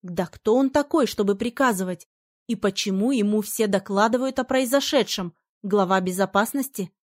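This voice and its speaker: A woman narrating a first-person fantasy novel in a lively, expressive way. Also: mid-range voice, moderate pace, no room sound, clean studio sound. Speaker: audiobook narrator.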